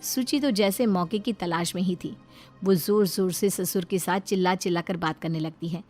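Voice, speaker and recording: A woman narrating a family drama story in a low, steady storytelling voice. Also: normal speed, soft background music.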